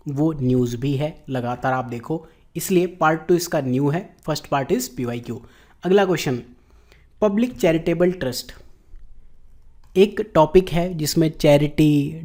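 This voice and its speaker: A middle-aged man with an Indian accent, lecturing on exam questions and slowing down to read each question out. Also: a little high, warm tone. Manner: explanatory, slows down to read English question text. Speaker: exam coaching teacher.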